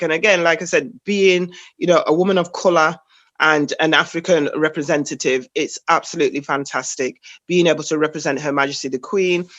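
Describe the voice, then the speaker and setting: A woman's voice: low-pitched, a bit bright, no echo. A woman being interviewed over a video call, speaking enthusiastically with frequent superlatives and hesitant fillers. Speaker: guest. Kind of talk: online interview.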